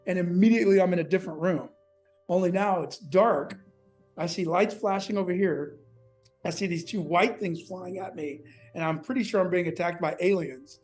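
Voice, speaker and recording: High-pitched guy telling a wild story, casual and lively, a little music faint behind. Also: normal speed. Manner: animated, acts out quotes, casual and profane. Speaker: interviewee. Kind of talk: personal storytelling.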